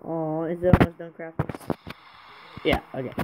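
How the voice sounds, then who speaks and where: A woman casually commenting while playing a mobile game, excitable, breaking into sudden high exclamations. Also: normal speed, very noisy. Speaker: game player. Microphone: phone screen recording. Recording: loud game music under voice.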